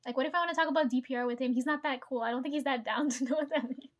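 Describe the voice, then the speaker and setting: A vlogger speaks directly to her viewers in a high, bright voice, rambling through a story in loose, casual chat. She talks rapid-fire, curses freely, laughs a lot and keeps checking in with her audience.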